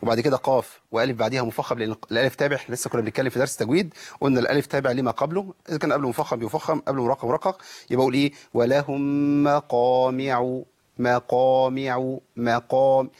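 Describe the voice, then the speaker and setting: A man with an Egyptian accent teaching a tajweed lesson, explaining pronunciation and stretching out words slowly to demonstrate. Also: medium pitch, slightly rough. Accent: Egyptian Arabic. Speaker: Quran recitation teacher.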